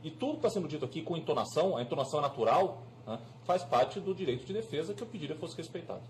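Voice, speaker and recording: A man's voice: a little high, lively intonation, very fast, a little hiss or hum. A man with a Brazilian Portuguese accent, a defense lawyer arguing urgently but with formal politeness to be heard. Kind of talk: courtroom argument.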